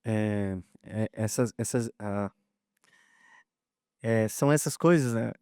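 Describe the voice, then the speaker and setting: Slow, hesitant low-voiced man. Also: darkish tone, clean tone, no echo, clean studio sound. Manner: hesitant, searching for words. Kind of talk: round-table conversation.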